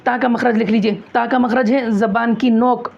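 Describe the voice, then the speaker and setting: A woman's voice: a little high, fairly even intonation, normal speed, vocal fry, lo-fi sound. A woman teaching a recitation class, repeating each point and asking and answering her own questions. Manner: repetitive, drilling, asks and answers own questions. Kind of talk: classroom tajweed lesson.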